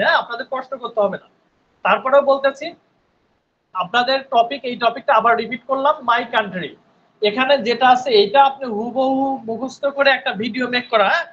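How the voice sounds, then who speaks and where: A male English teacher runs an online spoken English class, patiently repeating words and frequently checking in with his students. His voice is very high with a fairly bright tone, and the recording is muffled with slight background noise.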